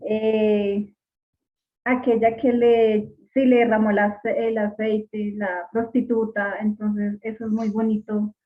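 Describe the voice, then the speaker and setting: A woman's voice: medium pitch, flat delivery, slow. A woman, a student in an online class, speaking hesitantly with fillers. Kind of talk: class contribution over a call. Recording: tinny phone-like line.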